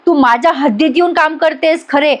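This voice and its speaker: A woman voicing a bossy, teasing young husband in a retold TV serial scene, with a scolding, drawn-out delivery. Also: sits high, pitched above the performer's own voice, close to an everyday voice.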